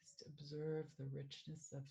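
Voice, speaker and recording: A woman working as a mindful living coach, leading a guided meditation in a calm, soothing way. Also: sits low. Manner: slow, calm, soothing guidance.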